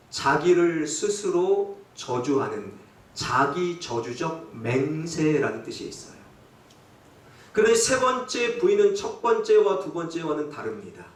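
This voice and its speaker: Male pastor, sermon, lively swooping delivery, echoey church heard from a distant mic. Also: fairly high pitch. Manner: dramatic, acts out quotes and dialects, rhetorical questions. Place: church sanctuary.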